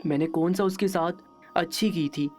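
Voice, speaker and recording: A woman telling a moral story in the first person, in a steady, measured reading. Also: lowish voice, faint music behind.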